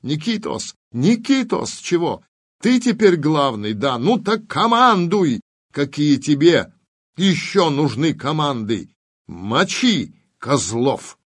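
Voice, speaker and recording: A man doing an exasperated, yelling soldier. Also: on the high side, animated, takes it slowly, vocal fry, breathy edge, no echo, clean studio sound, full character voice. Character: exasperated male soldier officer.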